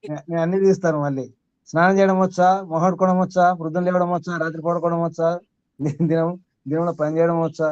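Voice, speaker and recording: A man's voice: on the high side, little pitch movement, fast, darkish tone, smooth, dry recording. Guy leading a spiritual talk, keeps asking the room questions, lists stuff out, kinda muffled dry sound. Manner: questioning listeners, long lists. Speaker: spiritual teacher. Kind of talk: teaching sermon to a small group.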